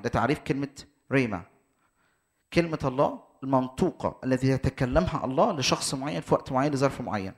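A man with an Egyptian Arabic accent preaching a teaching sermon, explaining step by step and restating his points to be precise. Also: mid-range voice.

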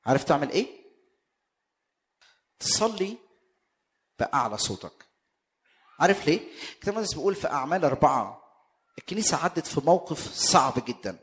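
Egyptian male preacher, raised pitch, emphatic sermon delivery with rhetorical questions. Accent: Egyptian Arabic. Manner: emphatic, rising to loud bursts, rhetorical questions.

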